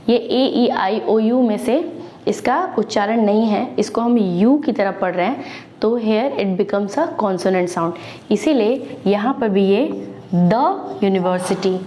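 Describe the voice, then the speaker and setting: A woman teaching English pronunciation at a whiteboard, speaking slowly, spelling out words and examples, with fillers and self-corrections. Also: on the high side, dark tone. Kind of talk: classroom lesson at a whiteboard.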